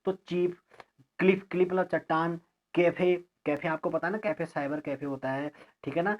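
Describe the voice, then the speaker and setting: A man teaching an English grammar lesson, explaining each word slowly, spelling it out letter by letter and checking in with his students. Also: a little high, steady tone. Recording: lo-fi recording.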